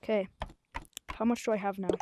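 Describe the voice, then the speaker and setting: A woman's voice: medium pitch, a little fast, loud music behind the voice. A woman hosting a VR gameplay video, chatting casually and exclaiming often over a headset mic. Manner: excitable, exclaiming. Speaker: VR gameplay host.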